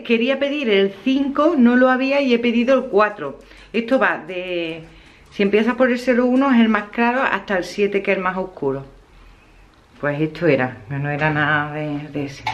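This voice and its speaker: A woman's voice: fairly high pitch, muffled recording. A woman, chatting casually in her vlog, laughing often and acting out what others said. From Spain. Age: 50s. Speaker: vlogger.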